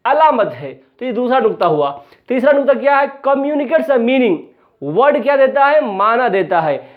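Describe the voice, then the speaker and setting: A teacher explaining an English grammar lesson, asking questions aloud, answering them, and spelling out letters slowly. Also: medium pitch, lo-fi sound.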